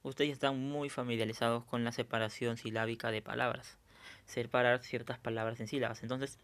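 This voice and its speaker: A man's voice: mid-range voice, level tone, fairly quick, a bit bright, clear, resonant tone. A male teacher going over a review lesson, explaining step by step and often checking in with his students.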